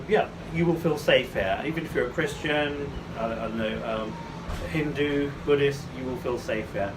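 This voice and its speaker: A man from Bangladesh talks to camera outdoors in a city, in a rambling, hesitant monologue with many fillers. His pitch sits in the middle for a man. He stands back from the mic, and loud steady noise runs under his voice. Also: distant mic. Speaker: vlogger giving commentary.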